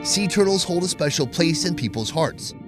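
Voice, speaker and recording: A man's voice: fairly high pitch, lively intonation, moderate pace. A man reading scripted narration in the manner of a nature documentary. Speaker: show host and narrator. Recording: loud music under narration. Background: music.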